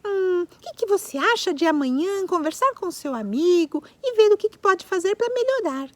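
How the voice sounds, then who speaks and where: A woman's voice: very high-pitched, big pitch swings, normal speed, no echo, pitched above the performer's own voice. A woman voicing a kind little female giraffe who speaks sweetly and coaxingly in a make-believe story for small children. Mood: cheerful.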